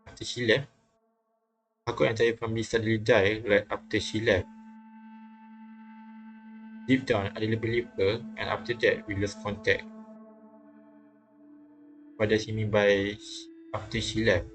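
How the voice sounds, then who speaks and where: A streamer with a flat, low voice reads visual novel text aloud, adding casual commentary. He's halting, repeats phrases, and puzzles things out aloud while game music plays faintly in the background.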